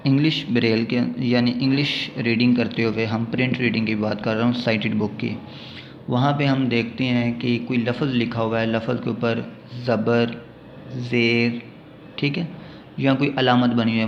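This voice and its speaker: A man with a gravelly, creaky voice and a Pakistani Urdu accent teaches braille. He explains each sign step by step and keeps checking in with the listener. The recording sounds dull and lo-fi, with a faint hiss behind him. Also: mid-range voice. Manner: explains step by step, often checks in with a quick "theek hai". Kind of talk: spoken lesson.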